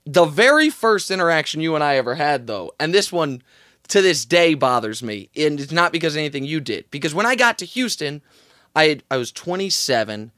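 A man in his thirties telling a story with passion, his voice rising in pitch and volume as he retells it. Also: very animated, bright, forceful tone, dry recording, studio quality. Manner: impassioned, quick to rise in pitch and volume when retelling. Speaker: sports radio guest. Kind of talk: animated storytelling.

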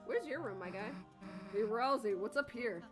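A woman's voice: fairly high pitch, lively intonation, moderate pace, music in the background, natural voice. A woman voicing a brash, sarcastic teenage monster girl in a video game, blunt and slangy. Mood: offhand.

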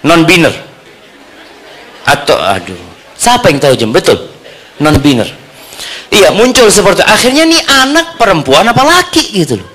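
A middle-aged man giving an Islamic sermon in a lively manner, throwing questions to the congregation. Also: sits high, normal speed, long pauses. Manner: lively, asks the audience questions. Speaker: preacher.

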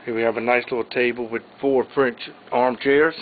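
With a mid-range voice and fairly even intonation, a man works through a list of auction items in a plain, leisurely way, narrating informally. Faint hiss sits under the thin, phone-quality audio.

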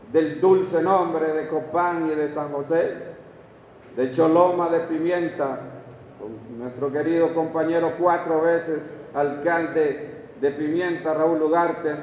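A middle-aged Honduran man stands at a lectern in a large hall and reads out town after town in a formal speech. His voice sits fairly high for a man. The hall adds a long, echoing reverb, and the lectern mic picks him up from some distance away. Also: steady tone, measured pace, darkish tone, a little hiss or hum. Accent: Honduran Spanish. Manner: reads long lists of towns and names from a page, with asides. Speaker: official speaker at a graduation ceremony. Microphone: lectern microphone. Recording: echoey hall recorded from a distance.

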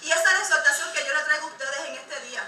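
A woman's voice: sits high, rapid-fire, sharp tone. A woman giving an impassioned testimony sermon at a church service, exhorting the congregation. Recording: echoey room, mic far off.

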